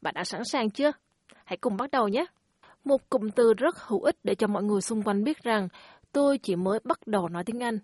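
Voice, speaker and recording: A woman's voice: on the high side, expressive, fairly quick, a little mellow, breathy edge, no echo, clean studio sound. A woman hosting a language lesson, speaking in a friendly, encouraging teacher tone. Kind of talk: scripted lesson narration.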